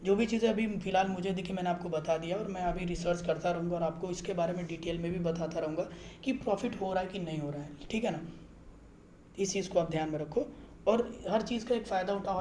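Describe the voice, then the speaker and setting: A channel host with a high, mellow voice gives a relaxed screen-recorded tour of a trading app, chatting and frequently checking that viewers are following. An echoey room and slight background noise color the audio.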